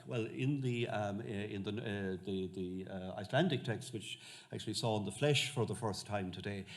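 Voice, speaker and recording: Halting Irish lecturer, lower-pitched man. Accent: West of Ireland. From Ireland. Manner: halting, frequent um and uh pauses. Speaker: guest lecturer, Benedictine monk. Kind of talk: informal public history lecture.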